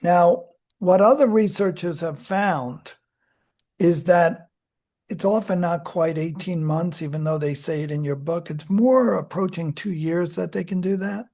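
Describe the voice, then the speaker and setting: Mellow-toned psychology lecturer. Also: mid-range voice, unhurried. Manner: conversational, self-correcting, acts out examples in voices. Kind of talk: classroom lecture. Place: lecture room.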